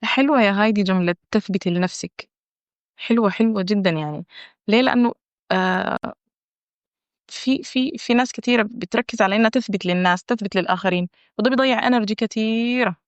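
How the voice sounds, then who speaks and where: A woman's voice: mid-range voice, fast, no room sound. A woman talking in a casual conversation, encouraging, frequent restarts and hesitations. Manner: warm encouraging talk, with many restarts and hesitations. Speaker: wellness guest. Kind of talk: casual conversation in Arabic with English phrases. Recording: dull dry audio.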